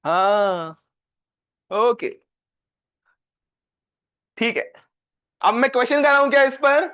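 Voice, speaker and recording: A male physics teacher with an Indian accent, lecturing a live class and quizzing students with quick questions. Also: very high-pitched, animated, a bit bright, clean tone. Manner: dictates questions slowly, word by word.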